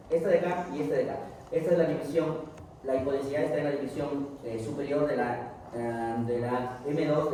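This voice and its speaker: A man giving a recorded medical lecture, asking and answering his own questions in an animated way. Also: a little high. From Peru. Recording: echoey room, distant mic, faint noise.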